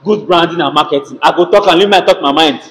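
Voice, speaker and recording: Fast and slightly bright, this young Nigerian-accented man's voice sits a little high as he joins a casual music debate, switching between English and Pidgin. He hammers his points with emphasis and repetition, captured noisily in a medium-sized indoor gym.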